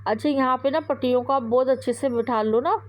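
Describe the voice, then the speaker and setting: A woman with a high voice walks through a sewing project step by step. She talks in a chatty, repetitive way and often pauses on fillers. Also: low-quality recording. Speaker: sewing tutorial host. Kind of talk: casual step-by-step instruction.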